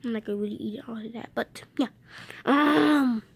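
A woman's voice: a little high, level tone, very fast, vocal fry, mellow, breathy edge. A female video maker chatting casually to her viewers and playing out a scene with toys, rambling and repeating herself. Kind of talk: casual chat to camera, toy play.

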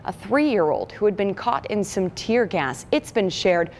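A female news anchor reads a story lead in a steady, scripted delivery. A faint rumble sits underneath. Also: unhurried.

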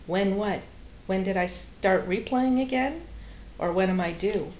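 A woman reading aloud as a composed but grieving woman who speaks quietly and carefully, holding back tears. The storybook voice is slow and measured. The recording is roomy and a little muffled, with faint noise behind it. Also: mid-range voice, lightly acted. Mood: restrained, sorrowful. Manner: quiet, restrained, tearful at times. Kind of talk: audiobook-style read-aloud dialogue.

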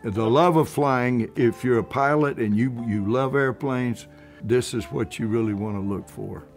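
A man's voice: medium pitch, measured pace. A man speaking earnestly and with enthusiasm in a casual interview, often repeating himself. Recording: faint guitar music behind.

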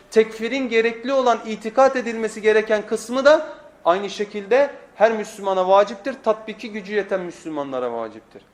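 A man delivering a sermon as a preacher, in an emphatic, didactic manner with rhetorical questions. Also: high-pitched. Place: echoing indoor room, speaking from a pulpit. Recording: echoey room.

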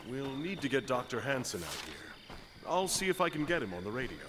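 An actor playing a calm, caring middle-aged pastor in a video game, measured and quoting scripture. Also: male voice, medium pitch, background noise, close to an everyday voice.

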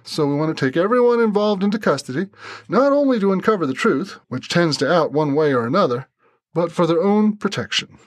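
Brief: man playing a calm young man, soft Texan accent, measured, slightly raised pitch. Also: no room sound.

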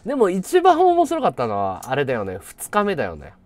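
A man's voice: high-pitched, huge pitch swings, brisk, darkish tone. A man live-streaming casual chat who tells an anecdote, acting out the people he quotes in changed voices and laughing often.

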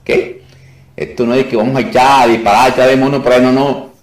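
A man's voice: medium pitch, fairly even intonation, fast. A man teaching an informal class on deliverance ministry. He repeats himself and keeps asking "ok?" to check on his listeners. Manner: repetitive, restarts often, asks "ok?" to check. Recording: echoey room, voice from a distance.

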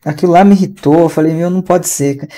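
A man's voice: a little high, steady tone, quick pace, a crowd in the background. A man with a Brazilian Portuguese accent teaching an online English class in a chatty, slangy, ranting way over a video call.

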